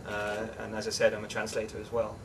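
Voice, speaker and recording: A man's voice: fairly low pitch, quick pace. Chatty young man, distant mic. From England, raised in the Netherlands. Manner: relaxed, chatty, many fillers and restarts. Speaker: interview guest, English teacher. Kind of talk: casual interview chat. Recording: distant mic with clear background noise.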